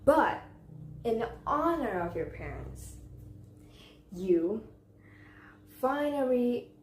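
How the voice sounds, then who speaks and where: A young woman delivers a memorized contest speech in a deliberate, theatrical way, with pauses and rhetorical questions. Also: on the high side, very animated, darkish tone. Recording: echoey room with faint background noise.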